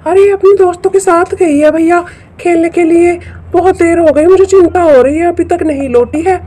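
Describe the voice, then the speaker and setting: A woman's voice: extremely high pitch, normal speed, dark tone, pitched above the performer's own voice. A woman voicing a worried village mother in a toy doll story, explaining that her daughter went out to play and has not come back. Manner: fretful, explaining.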